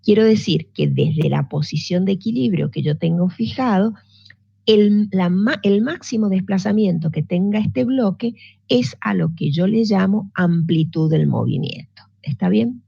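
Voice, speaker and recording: Speaking at a measured pace with lively intonation, a woman teaches physics in an online class; her mid-range voice is creaky, dark, and breathy-edged. She patiently explains, restarts frequently, and checks in with students. No echo, but dull lo-fi sound.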